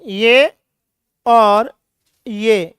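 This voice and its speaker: A man's voice: high voice, very slow, fairly bright tone, clean tone, dry recording, clean studio sound. A man, teaching a chemistry lecture energetically, teasing his students with rhetorical questions. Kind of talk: classroom lecture.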